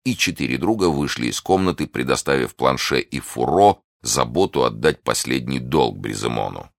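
Deep-voiced man reading an audiobook. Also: normal speed, gravelly, no room sound, studio quality. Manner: dramatic, expressive reading. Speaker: narrator.

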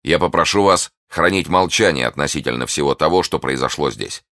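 A man's voice: very deep voice, brisk, pushed and bright, dry recording, clean studio sound, full character voice. A man voicing a bold young guardsman who speaks urgently and earnestly. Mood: earnest commanding. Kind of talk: audiobook character voice.

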